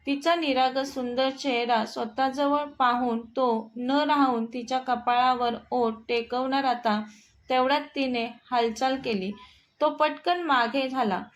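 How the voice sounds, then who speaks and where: A woman narrating a romantic short story in a steady, plain reading voice. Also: high voice.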